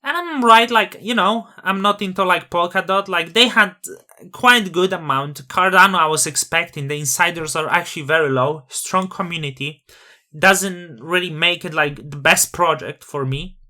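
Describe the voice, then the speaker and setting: This man, speaking with a noticeable non-native accent, hosts a crypto channel and delivers a casual opinion monologue on screen, styling himself grandiosely and leaning on rhetorical questions. His high-pitched voice is bright and forceful at a normal speed.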